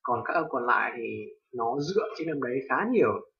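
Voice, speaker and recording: A young man from Vietnam with a Vietnamese accent, casually teaching English pronunciation, hesitant with many fillers and loudly repeating example words. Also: medium pitch, animated, brisk, gravelly. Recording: distant lo-fi home recording.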